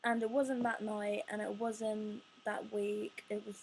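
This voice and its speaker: Gravelly young woman, halting confession. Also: mid-range voice, flat delivery, a little hiss or hum, low-quality recording. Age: 20s. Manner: halting, restarts, words rushing out. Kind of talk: personal confessional talk.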